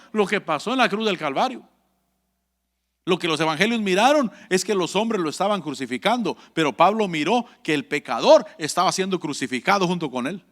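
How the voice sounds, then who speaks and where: A man's voice: sits high, fairly bright tone. A man preaching a fervent sermon in as a pastor, repeating phrases and calling on the congregation to answer. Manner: fervent, repetitive preaching with call-and-response.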